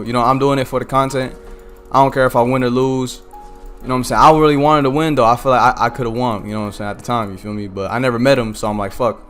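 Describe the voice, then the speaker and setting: A man's voice: medium pitch, fairly bright tone. Slangy eighteen-year-old streamer guy. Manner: slangy, loose, packed with "you feel me" tags. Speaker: streamer and content creator. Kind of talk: casual storytelling while gaming.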